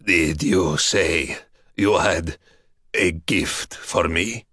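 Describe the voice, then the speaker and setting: A man doing a deep, slow ancient vampire. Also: pushed and bright, breathy edge, no echo, clean studio sound, heavily acted. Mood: sly interest. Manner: slow, sighing and coaxing. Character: ancient buried male vampire, sly and weary. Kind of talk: audiobook character voice.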